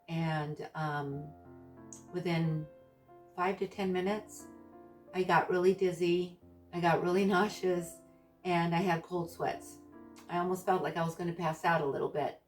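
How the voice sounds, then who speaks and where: A woman tells the story of her surgery in a relaxed vlog, her low voice carrying a darkish tone. Hesitant, she frequently stops to hunt for the right word, while the mic sits some way off and soft guitar music plays behind her.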